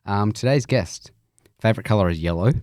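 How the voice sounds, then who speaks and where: A man's voice: on the low side, brisk, a little mellow, no room sound, studio quality. A man with an Australian accent hosting a podcast in a casual, jokey, informal chat style. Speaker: podcast host.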